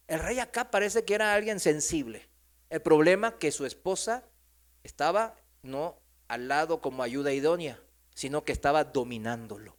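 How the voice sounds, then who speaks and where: A male pastor with a Mexican accent, preaching in church. He tells a story in a folksy, conversational way and keeps asking his listeners questions. His voice sits high for a man. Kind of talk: sermon.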